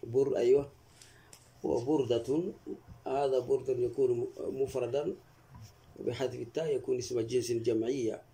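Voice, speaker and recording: A man leads a traditional text lesson. His voice is mellow and dark at a middle pitch. He speaks slowly and deliberately, repeating key words so students can follow. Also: fairly even intonation. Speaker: teacher of Arabic rhetoric.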